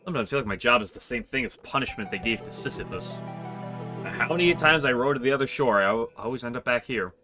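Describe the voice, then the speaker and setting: A chatty slacker ferrywoman from a video game, played by a man, grumbles in folksy slang. The acting is amateurish and stilted but swings widely in pitch, over clear background music. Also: animated, fast talker, lightly acted. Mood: weary grumbling. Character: breezy, chatty slacker ferrywoman grumbling about her job.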